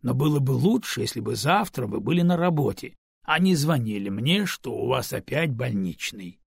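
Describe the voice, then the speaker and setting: A husky-voiced man voicing an irritated office boss who grumbles indignantly, in an audiobook. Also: mid-range voice, animated, moderate pace, no room sound, clean studio sound.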